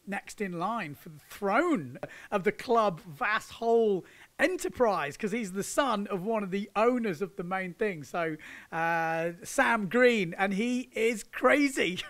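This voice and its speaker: Sitting indoors on a sofa with a handheld mic, a windsurfing vlog host keeps things casual, laughing and using slang as he comments on surf footage. His voice is high-pitched with a fairly bright tone.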